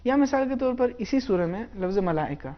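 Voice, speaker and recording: A man teaching Quran recitation rules, explaining in a measured way and slowing down to demonstrate pronunciation. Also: high voice, lively intonation, lo-fi sound.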